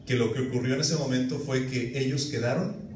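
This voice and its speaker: A man, preaching a sermon as pastor, telling lively stories and acting out voices. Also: mid-range voice, fairly quick, crowd noise. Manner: animated storytelling with acted-out voices. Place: church hall. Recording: echoey church room, mic at a distance.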